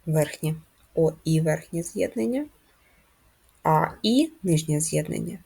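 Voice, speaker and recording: A woman gives a handwriting lesson to first graders, calm and patient as she walks through each stroke. Her voice sits a little low and has a husky edge. She puts simple questions to the children and answers them herself in a steady, encouraging tone. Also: a little slow. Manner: patient, clear, step-by-step instruction to children. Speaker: primary school teacher.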